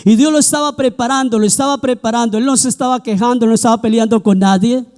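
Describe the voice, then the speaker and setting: A man's voice: very high-pitched, steady tone, fast, a little mellow. A man preaching a sermon, acting out quoted voices as he talks. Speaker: pastor.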